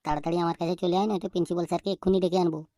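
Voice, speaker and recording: A woman voicing a stern male schoolteacher in a cartoon, talking quickly as he interrogates and threatens his pupils. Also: fairly low pitch, fairly even intonation, dark tone, no echo, clean studio sound. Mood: scolding. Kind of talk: cartoon voice acting.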